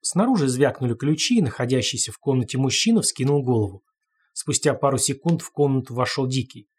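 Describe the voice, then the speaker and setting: A man reads a crime novel aloud as its narrator, keeping an even storytelling pace. His voice is husky and slightly breathy, sitting in a middle register. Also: mid-range voice, brisk. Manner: steady storytelling. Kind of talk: audiobook narration.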